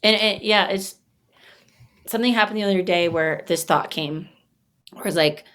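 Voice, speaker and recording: A woman with a somewhat low voice talks in a relaxed podcast conversation. She reflects out loud, pausing and reaching for her words with plenty of fillers, and her feeling shows close to the surface. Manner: gets emotional while talking. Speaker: podcast guest.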